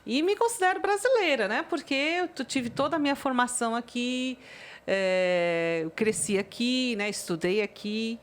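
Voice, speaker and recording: A woman who grew up in Brazil after a childhood in Taiwan, with Chinese as her first language, talking through her life in a relaxed interview and tagging her sentences with "né?". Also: on the high side. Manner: thoughtful, frequent "né?" tag questions and filler pauses. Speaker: interviewee, university music professor.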